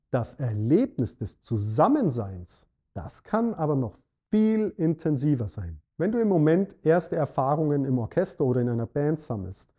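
Lively, dark-voiced German saxophone teacher. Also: male voice, fairly high pitch. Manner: clear, measured explaining addressing the viewer directly. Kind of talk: scripted instructional talk.

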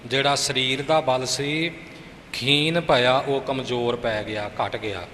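A man's voice: mid-range voice, unhurried, a bit bright. A man teaching, patiently correcting pronunciation and explaining meanings, sometimes half-singing. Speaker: scripture teacher. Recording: reverberant room with faint noise.

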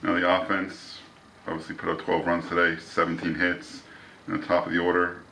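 A man's voice: low-pitched, completely flat delivery, fairly quick, vocal fry, sharp tone, a little hiss or hum, rough recording. A man interviewing a coach after a game, reading off stats before he asks each question. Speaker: sports interviewer. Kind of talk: postgame sports interview questions.

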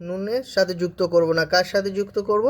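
A male teacher giving a Quran reading lesson, who spells out the letters and recites the verses slowly, asking and then answering his own questions. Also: sits high, steady tone.

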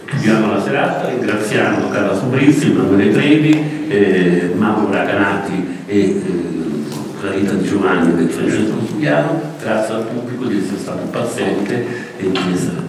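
Man, lowish voice, event host, echoey hall, distant mic. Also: normal speed, slight background noise. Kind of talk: moderating a public event.

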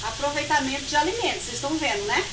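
A middle-aged home cook and vlogger with a high-pitched, lively voice races through her talk, chatting directly to viewers while demonstrating home cooking. She is in a small indoor kitchen, recorded on a phone partly from across the room, with echo and clear sizzling.

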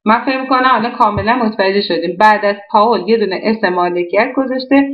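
A woman's voice: mid-range voice, roomy sound, muffled recording. A woman teaching a language lesson, explaining an exercise step by step and often asking and answering her own questions. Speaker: German teacher.

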